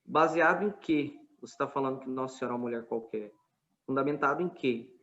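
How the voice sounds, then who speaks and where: A man's voice: mid-range voice, quick pace, a bit bright, muffled recording. A man with a Brazilian Portuguese accent telling a story in a casual podcast chat, earnest and full of quoted back-and-forth. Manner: earnest, retelling a street debate with quoted dialogue.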